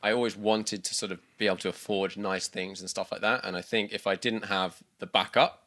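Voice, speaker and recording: A man's voice: on the low side, steady tone, fairly quick, sharp tone. A man from the UK in his thirties, chatting casually as a guest, rambling with many restarts and fillers. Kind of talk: casual interview chat.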